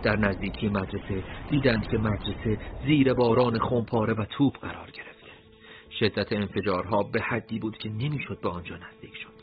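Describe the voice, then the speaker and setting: A man narrating a war story in a scripted, dramatic reading style, voicing dialogue along the way. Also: on the low side. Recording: dull lo-fi recording, faint noise.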